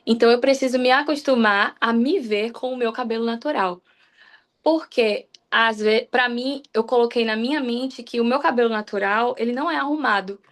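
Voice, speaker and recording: A woman's voice: a little high, normal speed. A young woman from Salvador, Bahia, giving a personal devotional talk on a church livestream, speaking candidly and often restarting her sentences. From Salvador, Bahia, Brazil. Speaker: guest preacher on a church livestream.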